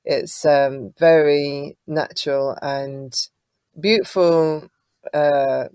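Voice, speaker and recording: A woman's voice: deep voice, fairly even intonation, very slow, clear, resonant tone, no room sound. Chatty woman, dry close sound. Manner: chatty, warm storytelling with frequent fillers. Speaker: singer-songwriter guest. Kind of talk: casual interview chat.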